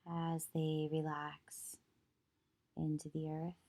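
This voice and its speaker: Short, calming phrases with long gaps between them mark this woman's guided meditation, much like a yoga teacher easing listeners into deep relaxation. She speaks low and mellow, her pitch staying very flat and even.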